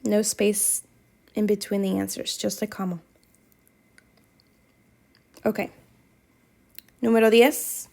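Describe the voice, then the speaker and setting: A woman's voice: medium pitch, level tone, takes it slowly, creaky, long pauses, warm tone. A woman teaching Spanish, reading quiz questions aloud and patiently repeating instructions to her students.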